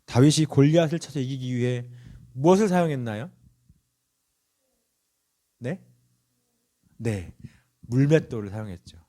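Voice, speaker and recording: A male pastor giving a Sunday sermon, speaking earnestly, telling stories and asking the congregation questions. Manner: lively rising and falling pitch.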